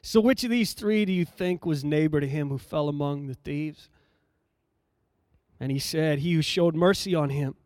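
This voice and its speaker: A man with a high, smooth and resonant voice delivers a sermon, reading scripture and dwelling on it. He speaks in a measured, emphatic way and repeats key phrases for effect. The sound is dry and close. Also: a little mellow, no room sound. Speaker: preacher.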